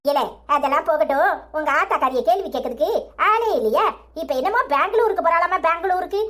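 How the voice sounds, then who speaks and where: A woman's voice: extremely high pitch, expressive, fast talker, a bit bright. A woman voicing a bossy old village grandmother in a cartoon, scolding in a commanding manner with a Tirunelveli accent. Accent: Tirunelveli Tamil. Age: older. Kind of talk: cartoon voice acting.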